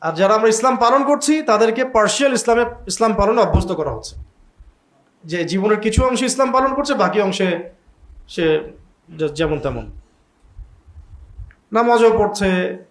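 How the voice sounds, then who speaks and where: A man's voice: high-pitched, animated, moderate pace, pauses often. A man giving an emphatic religious lecture, stacking his points in long repeated lists and quoting Arabic verses. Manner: quotes Arabic verses in recitation. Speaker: Islamic preacher.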